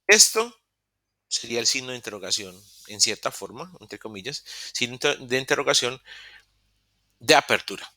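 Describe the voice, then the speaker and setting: A man teaching a virtual English lesson, his voice bright and sharp-edged in a dry, close recording. He walks through each point patiently, pausing to ask "ok?" and restarting words when he slips. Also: medium pitch, animated, no echo. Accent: Latin American Spanish. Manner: patient, explaining step by step with frequent "ok?" checks; self-correcting, restarts mid-word. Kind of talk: online beginner English class. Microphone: computer mic in a virtual session.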